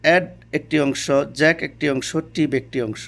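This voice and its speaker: A man's voice: fairly high pitch, brisk, a bit bright. A man teaching an English lesson, who repeats key terms and asks questions and then answers them himself. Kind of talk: classroom lesson explaining to students.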